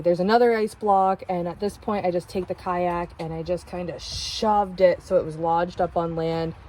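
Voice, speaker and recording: A woman's voice: on the low side, darkish tone, low-quality recording. A woman co-hosting a kayaking vlog, telling in vivid detail how she fell into a river. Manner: vivid, detailed retelling of a mishap. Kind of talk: casual storytelling.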